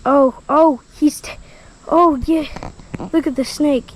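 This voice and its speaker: A woman vlogging outdoors by a creek, talking excitedly to the camera and exclaiming often. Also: high-pitched, slow pace, slight background noise, rough recording. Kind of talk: casual vlog commentary. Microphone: action camera mic.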